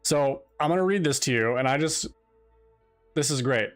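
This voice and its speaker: A man's voice: medium pitch, normal speed. Young guy streaming, rambly and exasperated, lil bit of music behind him. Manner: exasperated, storytelling with frequent restarts and laughter. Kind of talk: casual chat while live streaming.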